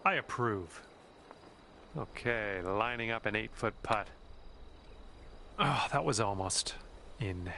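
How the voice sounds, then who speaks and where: A cheerful golf caddie. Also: male voice, fairly low pitch, expressive, slow pace, long pauses, bright, forceful tone, a little hiss or hum, exaggerated voice. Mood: encouraging. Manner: upbeat, encouraging, folksy. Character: cheerful encouraging adult male golf caddie. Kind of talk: game voice lines. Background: background music.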